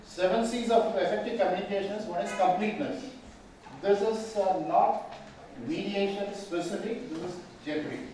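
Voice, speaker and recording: Recorded from a distance in a very echoey, large training hall with a faint room hum, a man from Tamil Nadu, India, teaches a mediation class as a classroom lecture, often posing questions to the room. His voice is high and darkish, at a moderate pace, and he's off mic.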